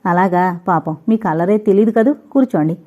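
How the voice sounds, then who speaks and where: A woman voicing a lively, teasing young married woman who chats quickly and playfully. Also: medium pitch, lightly acted. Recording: tinny, phone-like recording.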